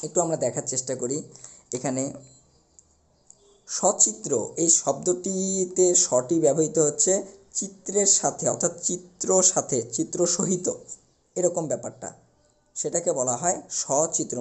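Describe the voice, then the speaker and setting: A young man teaching a recorded class, explaining step by step and slowly repeating the key words. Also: on the high side, mellow.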